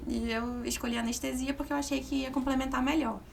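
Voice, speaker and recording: A middle-aged woman from Salvador, a guest physician calmly explaining her career in a conversational interview. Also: high-pitched, fast, vocal fry, slight background noise. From Salvador, Brazil. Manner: calm, explanatory.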